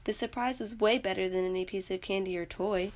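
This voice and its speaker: A woman's voice: mid-range voice, steady tone, a little fast. A young woman earnestly reading aloud a personal story she wrote as a student. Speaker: student narrator.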